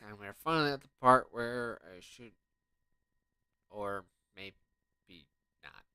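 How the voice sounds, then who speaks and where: A man's voice: fairly low pitch, animated, slow, pushed and bright, clean tone, no echo. A man casually commenting while playing a video game, joking and rambling and trailing off with "I guess.". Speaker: gaming video host. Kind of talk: casual let's-play commentary.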